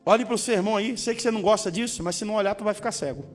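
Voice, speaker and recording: Brief: male pastor, high-pitched, humorous sermon delivery with call-and-response, faint music underneath. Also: very fast. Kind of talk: preaching a sermon.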